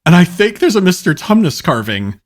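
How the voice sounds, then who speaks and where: A man in casual podcast banter, telling stories in an animated way. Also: sits high, brisk. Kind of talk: casual banter among friends.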